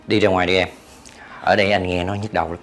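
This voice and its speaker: An actor playing an impatient young husband who gives curt, dismissive orders. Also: male voice, low-pitched, little pitch movement, racing, slight background noise, close to an everyday voice. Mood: stern. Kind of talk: web drama acting.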